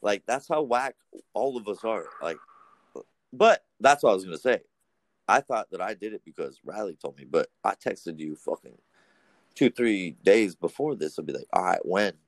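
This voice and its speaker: Young guy, very low voice, crude rambling podcast guest, dry close sound. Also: normal speed, no room sound. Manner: rambling, crude, animated storytelling. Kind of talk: casual profane chat.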